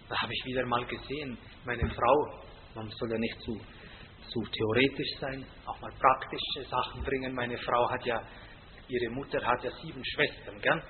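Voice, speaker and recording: A man's voice: mid-range voice, slight background noise. A man preaching a sermon in a folksy, emphatic way, often adding a questioning "gell?". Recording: tinny lo-fi line in a reverberant hall.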